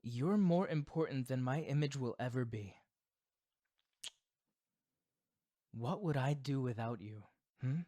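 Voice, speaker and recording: A man voicing a proud, theatrical supervillain boyfriend who is secretly doting, in an expressive ASMR roleplay. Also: mid-range voice, moderate pace, lightly acted. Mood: tender, affectionate.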